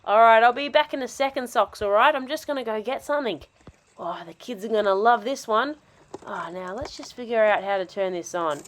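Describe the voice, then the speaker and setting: A woman's voice: fairly high pitch, animated, brisk, slight background noise, voice pushed down, natural voice. A woman voicing a cheerful, encouraging adult male cartoon dog, a dad and uncle, in children's toy role-play. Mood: upbeat. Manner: hearty, reassuring, encouraging.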